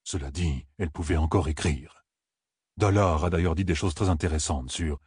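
Guy doing a super deep gruff old giant elder, raspy, slow grumbly storybook voice. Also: a little mellow, dry recording, studio quality. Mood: grave. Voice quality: deep rumbling voice.

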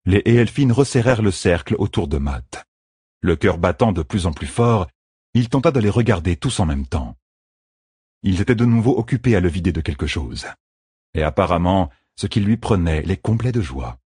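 A man reading an audiobook in a measured, even way, as scripted narration. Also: deep voice, husky, dry recording, studio quality.

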